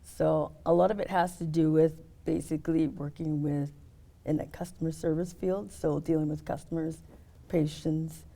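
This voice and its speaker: A middle-aged woman talking casually in an interview about her work as an optician, explaining step by step with many pauses. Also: low-pitched, fairly even intonation, gravelly, warm tone. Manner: explains step by step, hesitant fillers.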